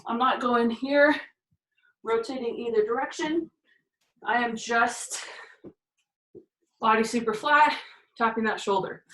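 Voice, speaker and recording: Working through shoulder and core exercises, a female fitness instructor narrates each one and counts reps, a bit breathless. Her voice is on the high side and a little bright, slow with frequent pauses, captured from afar by a camera mic in an echoey room.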